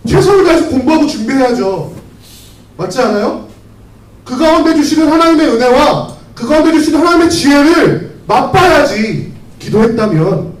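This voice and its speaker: High, lively pastor in a roomy church hall. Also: male voice, normal speed. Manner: conversational, rhetorical questions. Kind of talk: youth sermon with storytelling. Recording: roomy hall, mic from a distance.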